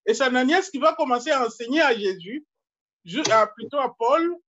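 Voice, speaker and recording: A man from Congo, a pastor preaching a sermon slowly and deliberately, repeating his key phrases. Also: extremely high pitch, a bit bright, dull audio.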